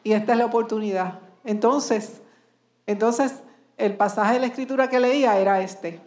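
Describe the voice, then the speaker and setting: A woman's voice: on the high side, moderate pace, a little mellow. Woman preaching in an echoey hall. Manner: asks the congregation many rhetorical questions. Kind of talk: sermon.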